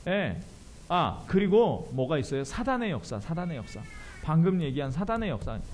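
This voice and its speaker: A male pastor preaching a sermon in church, animated and self-deprecating, often asking the congregation questions. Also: high voice.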